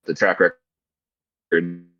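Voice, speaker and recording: A man's voice: low-pitched, completely flat delivery, extremely slow, fairly bright tone, lo-fi sound. A man co-hosting a casual chat, rambling through filler-heavy talk while his call audio breaks up and crackles. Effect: crackling online call audio, breaking up. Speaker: podcast co-host.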